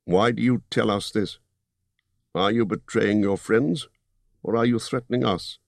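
A man's voice: fairly low pitch, measured pace, gravelly, dry recording, studio quality, pitched above the performer's own voice. A man voicing a grim, suspicious human leader who speaks bluntly.

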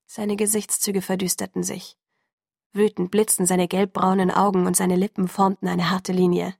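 A woman narrating a first-person story as an audiobook, with a steady storytelling delivery. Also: mid-range voice, normal speed, creaky, dry recording, clean studio sound.

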